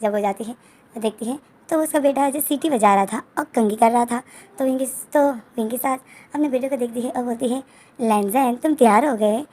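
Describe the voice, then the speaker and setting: A woman retells a romance fan story in a casual, chatty way, talking straight to her viewers. Her voice is fairly high but soft and mellow. She keeps an easy, enthusiastic flow. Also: brisk.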